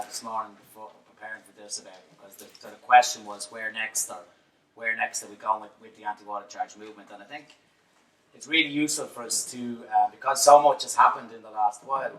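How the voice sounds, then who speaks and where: Man, panel speaker, measured and analytical, lowish voice, distant mic. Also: a bit bright. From Ireland. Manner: measured, analytical, many fillers. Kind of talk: reflective panel talk. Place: large hall at a bookfair. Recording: echoey hall, voice from far off.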